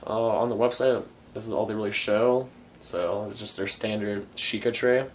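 Young adult male, slightly low register, enthusiastic informal product reviewer, garage recording with light background noise. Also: steady tone, moderate pace. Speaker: hookah reviewer. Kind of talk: casual product review chat. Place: garage workshop, indoors. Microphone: camera a few feet away. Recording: faint background room noise.

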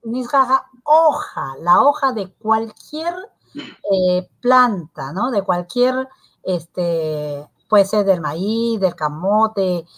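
A woman, co-hosting a televised language lesson, explaining words in an unhurried way and pausing to search for examples. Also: mid-range voice, expressive, fairly bright tone, rough recording. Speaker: co-host.

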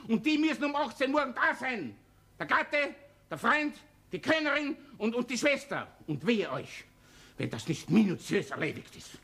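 An actor playing an older Austrian police chief in a TV crime drama, reprimanding and giving orders in a berserk rage. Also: male voice, extremely high pitch, sing-song, moderate pace, vocal fry, sharp tone, full character voice. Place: office set. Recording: noisy old television soundtrack.

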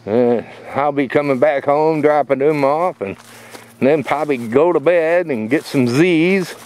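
The speaker is a middle-aged man with a fairly high, darkish voice who talks a little slowly. He rambles with many fillers and restarts as he walks a wooded trail, filming himself on a phone held out at arm's length.

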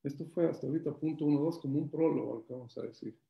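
High-voiced man teaching. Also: racing, vocal fry, roomy sound, muffled recording. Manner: animated, repeats phrases, acts out stories. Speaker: Torah teacher. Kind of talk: religious class.

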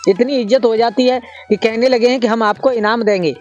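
A man's voice: very high voice, fairly even intonation, brisk, dull audio, faint music behind. A man telling a folk tale in a homely way, calling his listeners brother. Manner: folksy, addresses listeners as brother. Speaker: storyteller. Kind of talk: folk storytelling.

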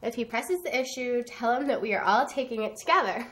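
A woman's voice: fairly high pitch, expressive, fairly quick, noisy background, lightly acted. An actress playing a young sorority girl who answers with sly, falsely polite cover stories.

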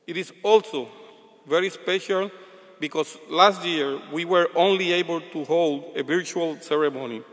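Older man reading a formal speech. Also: on the high side. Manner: measured, reads from notes at podium. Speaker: university board chair giving commencement address. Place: large auditorium stage. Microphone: podium microphone. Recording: long hall reverb.

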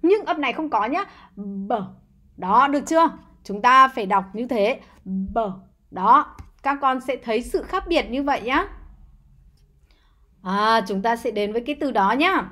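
A woman's voice: on the high side, expressive, normal speed, sharp tone. A woman teaching English words to young children, spelling each one letter by letter and coaxing them to repeat after her. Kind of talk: slow, patient spelling lesson.

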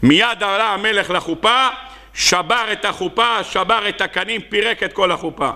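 A man's voice: vocal fry, sharp tone. A man with an Israeli accent, a rabbi preaching a sermon and telling parables, acting out the characters in them. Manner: storytelling, acting out characters with sudden high cries. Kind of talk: Hebrew sermon with acted parables.

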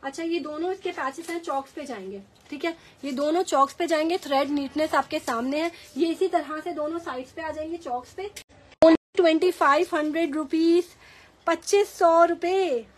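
A woman with a Pakistani Urdu accent and a sore, hoarse throat, chatting enthusiastically as she sells clothes on a live stream and keeps repeating the prices. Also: sits high, brisk, few pauses. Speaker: online clothing seller. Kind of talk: live-stream sales pitch.

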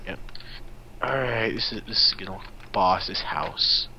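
A man's voice: on the low side, animated, measured pace, bright, forceful tone, slight background noise, low-quality recording. A young man casually commenting on a block-building game while teasing his friend. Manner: teasing, playful banter. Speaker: gaming co-host.

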